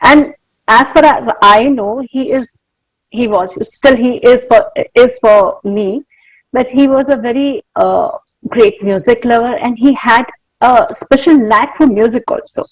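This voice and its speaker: A woman's voice: on the high side, a little slow, poor audio. A woman interviewing conversationally as a journalist, effusive and given to repeating herself.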